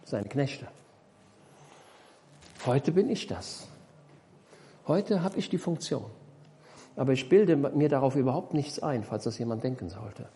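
A man's voice: medium pitch, lively intonation, measured pace, pauses often, warm tone. A man preaching a sermon, explaining a parable and questioning his congregation, emphatic and repeating key phrases.

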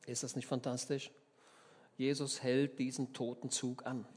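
A German man preaching a sermon, telling the story in a lively way, acting out the people in it and often asking his listeners for agreement. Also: medium pitch, measured pace, husky. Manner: lively storytelling, acts out voices, asks the listeners questions.

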